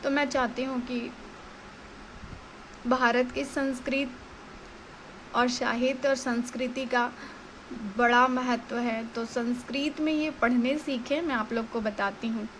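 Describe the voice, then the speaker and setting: A woman's voice: a little high, steady tone, a little slow, pauses often, fairly bright tone, a little hiss or hum. A woman teaching devotional Sanskrit recitation, explaining and chanting syllable by syllable. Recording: music playing behind.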